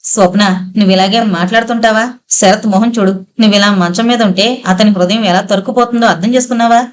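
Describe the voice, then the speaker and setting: A woman's voice: medium pitch, steady tone, brisk, natural voice. Woman voicing a chiding close friend. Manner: chiding, familiar. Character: familiar young woman scolding a friend.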